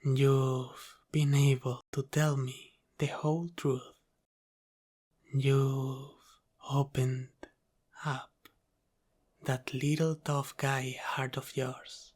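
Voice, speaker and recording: Speaking in a mid-range voice with flat delivery, a man plays a protective, teasing Italian-American mob boss for an intimate ASMR roleplay. He keeps it soft and deliberate, sometimes dropping to a whisper, with a confident, knowing air.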